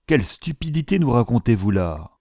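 A man voicing a stern, commanding gentleman who barks sharp, exasperated questions. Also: mid-range voice, big pitch swings, a little fast, no echo, studio quality.

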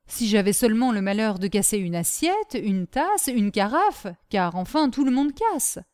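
Simple, blunt young manservant, read by a woman; eager indignant chatter, lively lilt. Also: medium pitch, moderate pace, lightly acted. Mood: plaintive. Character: simple-minded, blunt young male servant.

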